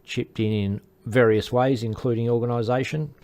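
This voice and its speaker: A man's voice: medium pitch, fairly even intonation, normal speed, darkish tone. Chatty man commentating on sport. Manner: chatty, informal, with asides. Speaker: darts commentator. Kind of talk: casual live sports commentary.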